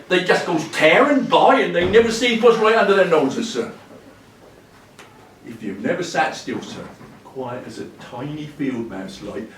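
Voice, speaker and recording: In a wistful, musing stage monologue, a male actor with a high voice plays a cheery, deferential homeless wanderer of about seventy. He speaks with a rural Hampshire accent from southern England, halting and rambling. The mic is distant in an echoey room, with faint noise.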